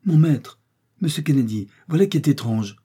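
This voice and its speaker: A man voicing an excitable young male servant in an audiobook, exclaiming in wonder. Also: fairly high pitch, brisk, slightly rough, pitched above the performer's own voice. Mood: astonished. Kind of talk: audiobook character voice.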